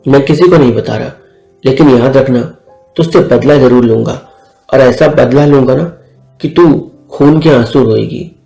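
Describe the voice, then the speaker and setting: A man's voice: mid-range voice, normal speed, gravelly, mellow, close to an everyday voice. A man voicing a sulky teenage boy who whines and defends himself, in an echoey room with faint music. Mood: whiny. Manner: whining, defensive. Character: whiny teenage boy, sulky younger brother.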